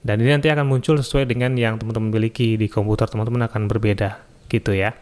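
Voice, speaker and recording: A man hosting a screen-recorded software tutorial, explaining each step calmly and adding "ya" and "eh" often, recorded on a studio microphone. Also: fairly low pitch, fast talker, smooth. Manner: relaxed step-by-step explaining with frequent "ya" and "eh". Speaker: YouTube tutorial host. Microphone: studio mic through an audio interface.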